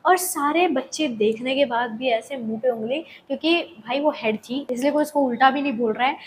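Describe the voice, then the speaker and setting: A young woman telling a personal story in a casual, animated way, often slipping English words and phrases into her talk. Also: sits high, normal speed, slight background noise, rough recording. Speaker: vlogger.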